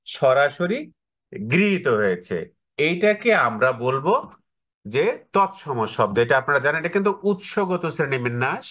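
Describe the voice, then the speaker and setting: A man's voice: on the high side, a bit bright. A man teaching an online class, often checking with rhetorical questions. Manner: explains with rhetorical questions to students.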